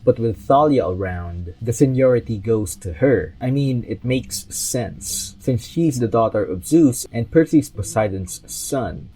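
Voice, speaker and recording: A young man with a lowish, mellow voice gives a relaxed book review. He talks through each chapter in a conversational way and drops in small jokes along the way. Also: breathy edge, poor audio. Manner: conversational, lightly joking asides.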